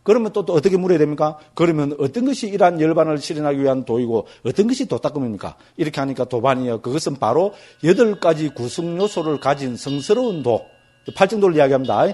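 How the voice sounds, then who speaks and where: Male Buddhist monk teacher, rapid lively storytelling, fond of tag questions. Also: on the high side, slightly rough. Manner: lively storytelling, constantly asks listeners for agreement. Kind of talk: Buddhist scripture lecture.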